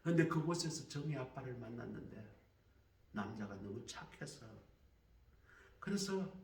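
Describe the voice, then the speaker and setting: Animated preaching man in echoey sanctuary. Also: medium pitch, unhurried, slight background noise. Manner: animated storyteller, acting out the scenes. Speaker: pastor. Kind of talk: sermon storytelling. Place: church sanctuary. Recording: roomy hall from a distance.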